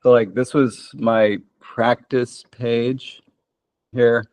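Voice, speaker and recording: A man's voice: mid-range voice, little pitch movement, extremely slow, a little mellow, no room sound. An American man talking casually over a video call with a dry, close sound. He rambles and laughs at himself, filling gaps with "um" and "like". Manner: rambling, self-deprecating, with many fillers. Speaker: conlang relay participant.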